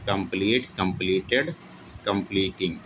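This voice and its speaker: A man teaching English grammar in Hindi with a Hindi accent, repeating each verb form slowly in drill style. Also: low voice, fairly bright tone, slight background noise, poor audio. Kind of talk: classroom lesson reciting verb forms.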